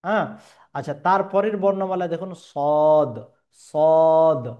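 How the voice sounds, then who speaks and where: A man's voice: fairly high pitch, dull audio. Patient man drilling Arabic letter sounds. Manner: patient, repeats each sound slowly and asks if understood. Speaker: Quran recitation teacher. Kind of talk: step-by-step pronunciation lesson.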